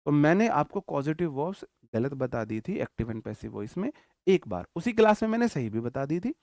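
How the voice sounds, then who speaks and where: Male grammar teacher, fairly high pitch, patient dictation, frequent check-ins, dry studio sound. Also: darkish tone, dry recording. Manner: slowly dictates example sentences word by word; checks in often with the class. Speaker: English teacher. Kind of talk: online grammar lesson.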